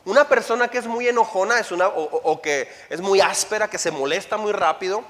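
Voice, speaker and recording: High-voiced male preacher in a reverberant hall. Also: fairly quick. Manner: lively preaching, with acted quotes and rhetorical questions; frequent stumbles and repeated words. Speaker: pastor. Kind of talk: sermon. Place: church hall.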